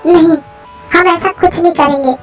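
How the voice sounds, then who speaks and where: A woman's voice: extremely high pitch, fairly even intonation, normal speed, faint music behind. A woman voicing a frightened, stubborn young woman in a fan story, refusing and anxious by turns.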